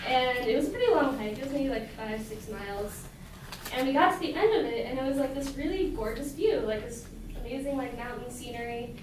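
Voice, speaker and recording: A young woman with a somewhat high voice tells a personal story on stage, chatty and full of fillers, laughing often. Her voice comes from a distance in a very echoey hall. There is clear room noise behind her. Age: young adult.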